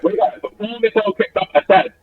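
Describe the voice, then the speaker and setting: A loud, blunt man with a high, swooping voice talks from behind the wheel of a bus. His voice comes through an echoing, tunnel-like voice chat. It sounds distant and muffled, as if the mic is far from him. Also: very animated, moderate pace. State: driving a bus while talking. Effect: echoing tunnel sound over a voice chat. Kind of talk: casual voice chat.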